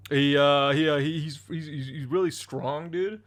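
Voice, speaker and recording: A man's voice: fairly high pitch, fairly even intonation, normal speed. A young man co-hosting a casual podcast, teasing his friend, swearing and laughing often. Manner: teasing, profane, laughs a lot. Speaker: podcast co-host. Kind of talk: casual chat.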